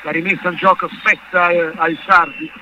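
A man's voice: fairly high pitch, steady tone, moderate pace, lo-fi sound. A man giving live, partisan play-by-play football commentary on the radio from a stadium. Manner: partisan, speaks as one of the fans. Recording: band-limited radio broadcast with background noise.

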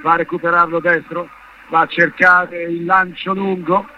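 High, piercing male radio football commentator. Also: flat delivery, normal speed, sharp tone, dull audio. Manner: partisan, speaks as one of the fans. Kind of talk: live play-by-play football commentary. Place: football stadium commentary position. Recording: band-limited radio broadcast with background noise.

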